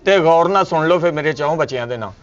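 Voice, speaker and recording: An exasperated husband, played by a man in a comedy sketch. His voice sits high as he lectures his family. He makes his points with jokes and old sayings. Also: expressive, quick pace, dull audio, slight background noise, close to an everyday voice. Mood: lecturing. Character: husband defending himself against a suspicious wife, with comic wordplay.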